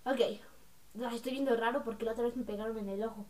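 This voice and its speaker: A woman's voice: a little high, steady tone, fairly quick, a little mellow. A young girl vlogging casually to camera, chatty and mocking as she acts out what her classmates say. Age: young, school-age.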